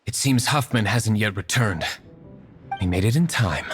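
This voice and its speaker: A man's voice: lowish voice, expressive, normal speed, soft background music, natural voice. A man as stern, aloof Diluc, widely inflected. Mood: brisk. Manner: cool, dry, curt, sardonic. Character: stern, aloof young nobleman vigilante and tavern owner. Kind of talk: video game voice acting.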